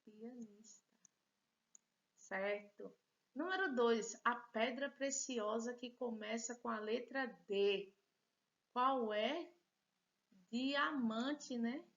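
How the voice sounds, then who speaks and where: Slow, patient Brazilian woman teacher. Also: on the high side, a bit bright, muffled recording. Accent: Brazilian Portuguese. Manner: slow, patient, encouraging, self-deprecating about her handwriting. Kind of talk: recorded remote class lesson.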